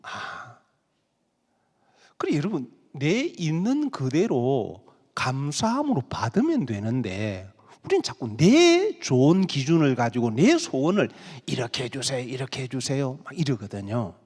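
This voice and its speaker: A man's voice: on the high side, wildly swooping pitch, unhurried, a little mellow, long reverb tail. A male pastor preaching a sermon, acting out pleading prayers in dramatic voices.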